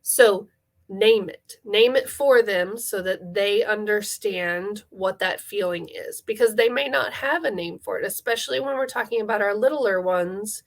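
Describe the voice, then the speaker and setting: A middle-aged woman play therapist giving calm, instructive parenting advice, repeating key phrases for emphasis. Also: mid-range voice, unhurried. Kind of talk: instructive parenting talk to camera.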